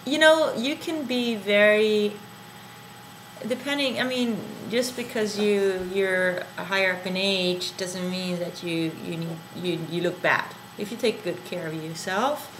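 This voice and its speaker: A woman's voice: medium pitch, measured pace, a bit bright, slight background noise, low-quality recording. Hesitant woman chatting casually. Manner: hesitant, trailing off with fillers. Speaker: co-host. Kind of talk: casual chat.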